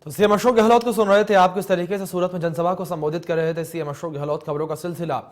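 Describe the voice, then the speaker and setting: A man reading the news in a brisk, formal anchor delivery. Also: high-pitched, steady tone, slight background noise.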